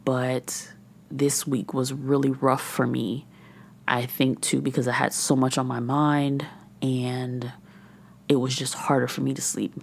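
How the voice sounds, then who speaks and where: A woman's voice: rumbling low, level tone, unhurried, creaky, a little hiss or hum. A woman in her thirties hosting a candid solo podcast, rambling and sometimes dropping to a whisper. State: frustrated and overwhelmed. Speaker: podcast host and menopause coach. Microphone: podcast microphone.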